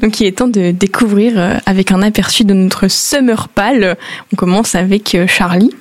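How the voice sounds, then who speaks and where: A woman's voice: mid-range voice, moderate pace. Woman hosting a book club video, chill, stumbles a bit. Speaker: host. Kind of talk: casual chat.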